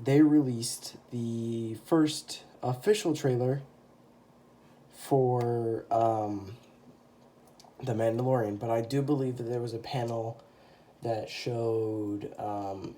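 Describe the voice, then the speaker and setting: Filmed on a phone camera, a young man with a dark, mid-range voice, stuffy and congested from a cold, casually shows off a custom toy figure. His show-and-tell is full of ums and self-corrections.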